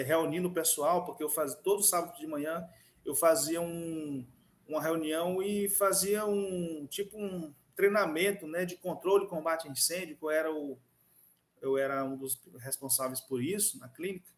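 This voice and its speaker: A man teaching an online class, talking conversationally with frequent restarts. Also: high-pitched. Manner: conversational, many fillers and restarts. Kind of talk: online class lecture with a personal story.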